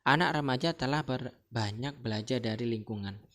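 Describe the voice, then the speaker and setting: Guy from central kalimantan explaining a lesson, chatty, keeps asking you to follow along, ordinary pitch. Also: moderate pace, a bit bright. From Central Kalimantan, Indonesia. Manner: chatty, checks in with the listener often. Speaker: teacher. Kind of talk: casual explanatory lecture.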